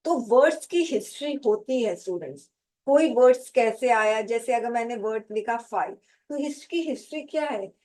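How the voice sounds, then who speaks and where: A woman teaching a vocabulary lesson to exam students, speaking slowly and deliberately, spelling out and repeating each term. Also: fairly high pitch, expressive, dark tone, poor audio. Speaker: English teacher for competitive exams. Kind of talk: slow classroom lecture, mixing Hindi and English.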